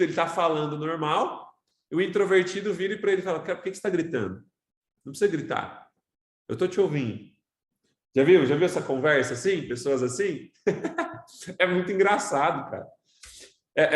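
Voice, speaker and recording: A Brazilian man teaching an online course, lively and loud, constantly shifting his tone and pace as he lectures his students. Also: on the high side, echoey room. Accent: Brazilian Portuguese. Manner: animated, talks loud, varies his tone constantly.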